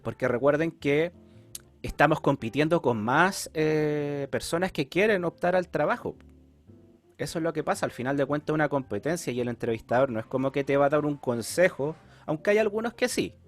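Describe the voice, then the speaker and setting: A Chilean man lecturing in an online class, his voice sitting fairly high for a man. He explains step by step and keeps checking in with his students. Soft music plays faintly behind him. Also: lively intonation, a little fast. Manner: explanatory, checks in often with "¿ya?" and "¿cierto?". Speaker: teacher.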